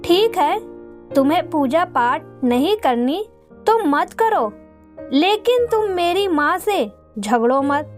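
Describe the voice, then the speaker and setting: A woman reading as a patient young husband. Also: high voice. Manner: gently persuading. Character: calm grown son and husband, patient.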